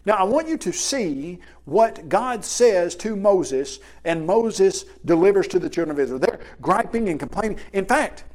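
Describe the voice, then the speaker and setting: A man teaching a Bible lesson in a conversational way, slowing down to stress key words. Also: high voice, lively intonation, darkish tone.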